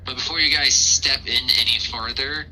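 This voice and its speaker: A man's voice: mid-range voice, steady tone, moderate pace, sharp tone, rough recording. A man narrating a tabletop game as game master in a casual, informal, conversational way. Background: music.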